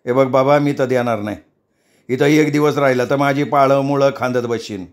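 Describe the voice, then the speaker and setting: A man's voice: medium pitch, steady tone, moderate pace, natural voice. A man voicing a blunt, sardonic middle-aged gang boss.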